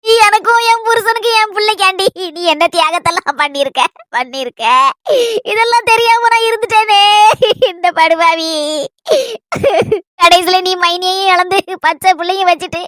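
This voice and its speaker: A tearful younger sister, played by a woman in a homemade family drama, begging forgiveness through her crying and repeating her self-blame. The voice is very high and bright, and the sound is close and dry. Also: moderate pace, no room sound. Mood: remorseful.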